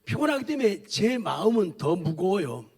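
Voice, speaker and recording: A man preaching a sermon with emphatic repetition, swinging between loud declarations and quiet, intimate asides. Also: high-pitched, very animated, normal speed. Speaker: pastor.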